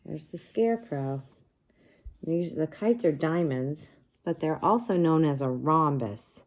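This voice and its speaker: Her voice is low, mellow and soft at the edges, with lively intonation, as she slowly reads a children's book aloud. She explains things plainly and quizzes the young audience as she goes.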